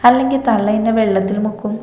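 A woman's voice: on the high side, fast talker, mellow, soft background music, natural voice. A woman voicing a playful, chatty young woman who teases her friend. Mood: teasing. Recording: echoey room with long reverb.

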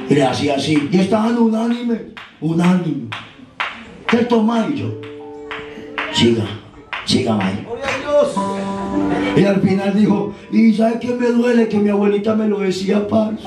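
A man with a Colombian accent and a fairly high voice preaches his life story, acting out every character with lively energy. He sounds distant from the mic, in a reverberant hall. Music plays softly behind him. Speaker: preacher giving his testimony. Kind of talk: sermon testimony.

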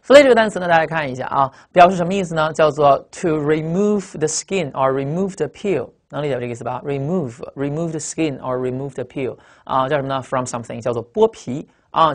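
A vocabulary teacher, delivering a recorded lecture at a rapid clip. The speech is emphatic and punchy, with drawn-out particles closing many phrases. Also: medium pitch.

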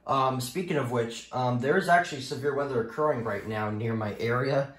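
A young American man with a mid-range voice talks briskly and off the cuff, rambling, hesitating and repeating himself as he shows things to the camera. He's a hobbyist video maker doing casual, unscripted show-and-tell in a small room at home. He holds the phone camera himself, so the footage is handheld and the room sounds echoey.

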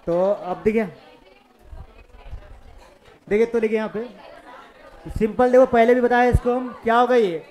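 A man's voice: very high voice, fairly even intonation, unhurried, long pauses, a little mellow, a faint crowd. Man dictating a physics class. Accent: Hindi-English mixed, Jharkhand region. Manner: dictating notes, prompting students with questions. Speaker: physics teacher. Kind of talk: classroom lecture. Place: classroom with students.

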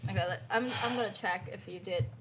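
A woman's voice: mid-range voice, fast talker, noisy background. A young woman with a Korean accent, a livestreamer chatting in a playful, teasing way. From South Korea. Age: young adult. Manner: animated, teasing. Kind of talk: casual playful livestream banter. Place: indoor room at home.

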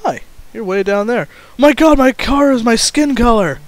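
High, excitable young man gaming. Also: moderate pace, no echo. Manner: excitable, yelps and shouts at the action. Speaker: gaming channel host. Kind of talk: casual gameplay commentary.

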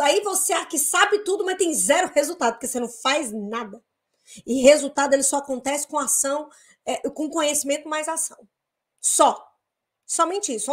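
A woman from Brazil hosting a casual live talk to her followers, blunt and emphatic, swinging between loud outbursts and quiet asides. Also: high voice. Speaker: host of a live business talk.

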